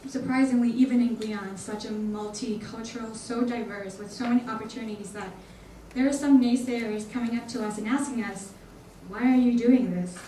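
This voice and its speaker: A woman's voice: fairly high pitch, steady tone, moderate pace, mellow, recorded from a distance, a little hiss or hum. Young woman speaking from afar in an echoey hall. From Hong Kong. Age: young adult. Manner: earnest, slightly nervous. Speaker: student organizer. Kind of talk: prepared welcome speech.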